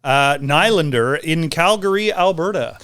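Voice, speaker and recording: High-voiced man reading sports trivia. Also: expressive, measured pace, fairly bright tone, clean tone, no room sound. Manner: reads sports trivia, jokes around. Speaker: podcast co-host. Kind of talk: casual sports chat.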